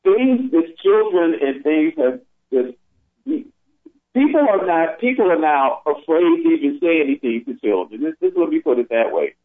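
A man's voice: on the high side, expressive, moderate pace. A middle-aged man, a therapist on a talk broadcast, speaking hesitantly and often repeating his words. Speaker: therapist guest. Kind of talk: casual conversation. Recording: tinny phone line.

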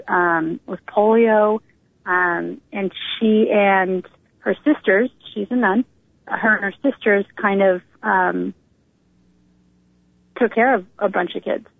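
This is a middle-aged American woman from Northern California telling her life story informally as an interview guest, heard through a tinny, narrow phone line. Her mid-range voice has noticeable vocal fry, and there's no echo.

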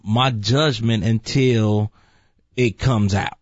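A man's voice: fairly low pitch, steady tone, slow pace, dry recording, highs cut off. A man co-hosting a casual talk show, joking easily and telling stories to make his points. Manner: easygoing, joking, storytelling. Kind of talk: casual opinion chat.

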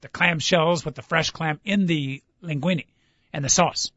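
A man's voice: fairly high pitch, measured pace, sharp tone, dry recording. A man hosting sports talk radio with casual banter, rambling along in a wry, joking way. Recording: dull, band-limited radio audio.

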